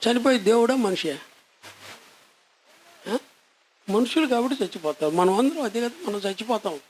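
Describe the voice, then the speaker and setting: A man preaching a sermon to children, firing rhetorical questions and answering them, then rising to loud, emphatic declarations. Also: sits high, expressive, normal speed, slight background noise.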